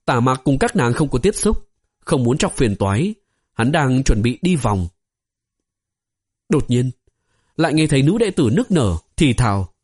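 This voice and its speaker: Husky guy reading a fantasy story aloud, voice goes up and down a lot. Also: mid-range voice, sing-song, measured pace, long pauses, a little mellow. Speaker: audiobook narrator. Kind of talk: scripted narration.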